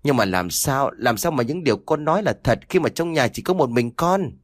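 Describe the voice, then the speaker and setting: A man's voice: medium pitch, expressive, normal speed, no room sound, studio quality, close to an everyday voice. A man doing a doubtful, worried father. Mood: incredulous. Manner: questioning, puzzled.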